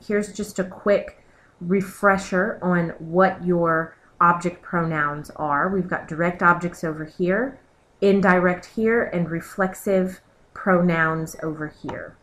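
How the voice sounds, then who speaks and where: Methodical woman teacher, slightly low voice. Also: a little slow, fairly bright tone. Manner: clear, methodical explaining with pointers to the slides. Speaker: Spanish teacher. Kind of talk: recorded slideshow lesson.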